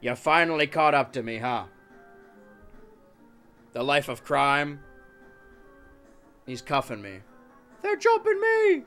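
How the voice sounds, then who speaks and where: A congested-sounding man runs a laid-back live stream, bantering with chat and chatting to his cats while soft music plays quietly underneath. His voice sits on the high side and sounds bright and forward, with wildly swooping pitch, a slow pace and long pauses.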